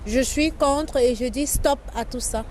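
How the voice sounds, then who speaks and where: A woman from Cameroon answers a street interview hesitantly. Her voice is high. Faint noise sits behind her. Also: a little slow, darkish tone.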